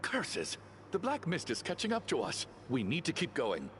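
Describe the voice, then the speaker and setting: A man's voice: fairly high pitch, huge pitch swings, moderate pace, a bit bright, a little hiss or hum. An actor playing a kindly, fretful middle-aged father in a video game, speaking in a hesitant, stammering way. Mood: alarmed.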